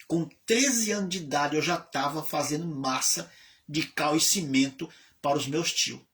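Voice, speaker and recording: A man's voice: on the high side, normal speed. A man in his fifties from Bahia, Brazil, an evangelist chaplain telling his life story in a conversational sermon, acting out the voices of people in it. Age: 50s. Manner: conversational preaching, lively storytelling with quoted voices. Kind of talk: sermon testimony.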